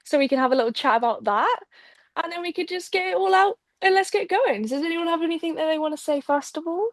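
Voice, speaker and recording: A woman's voice: very high-pitched, expressive, quick pace, no room sound. A young woman co-hosting a podcast, leading the chat in a casual, teasing way. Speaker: podcast co-host.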